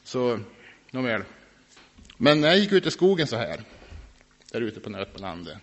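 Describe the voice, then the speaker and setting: A man telling his personal faith testimony about his past drinking, earnest and reflective, now and then laughing softly. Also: mid-range voice, big pitch swings, dull audio. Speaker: former alcoholic sharing his faith testimony.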